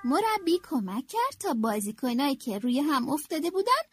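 High, lively woman reading a storybook. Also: over loud music. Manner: expressive, animated read-aloud. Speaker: narrator.

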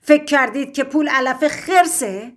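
An angry storybook father bear shouts and scolds his cubs, sounding indignant, as a woman narrator puts him on. The voice sits a little high and pushes loud. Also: lightly acted.

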